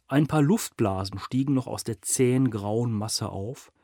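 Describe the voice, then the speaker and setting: A man's voice: medium pitch, darkish tone, no echo. Man narrating a crime story, dry sound. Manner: measured storytelling with dramatic emphasis. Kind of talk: scripted crime-novel narration.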